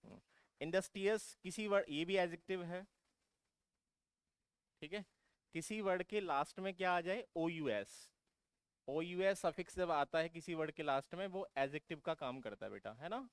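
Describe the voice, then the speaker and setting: A man's voice: fairly high pitch, moderate pace, clear, resonant tone, no room sound, clean studio sound. A man teaching exam vocabulary who keeps asking his students questions and then answering them himself, calling them "beta". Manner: repetitive, drilling explanation. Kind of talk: vocabulary lesson for exam prep.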